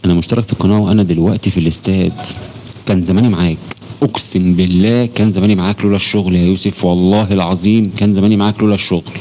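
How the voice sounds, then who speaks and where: A man with an Egyptian Arabic accent hosts a casual football live stream. His voice sits very low and the words tumble out fast, warm and familiar as he greets viewers by name and swears oaths. Faint noise hums behind him. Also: steady tone. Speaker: football channel host.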